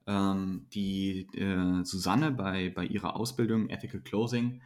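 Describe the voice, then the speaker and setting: A man's voice: sits low, level tone, unhurried, a little mellow. A man, a mentoring coach, giving earnest, motivational answers in a podcast interview, often restarting his sentences.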